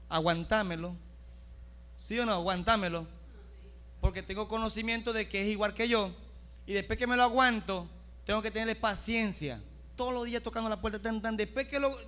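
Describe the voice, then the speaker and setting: High-voiced, bright preaching man. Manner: preaching with questions to the congregation and acted-out dialogue. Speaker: pastor. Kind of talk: sermon. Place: church.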